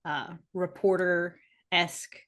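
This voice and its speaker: A woman's voice: on the low side, steady tone, slow, fairly bright tone. A woman guest on a podcast talking casually, hesitating often and laughing easily. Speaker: guest, freelance artist. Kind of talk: casual conversational interview.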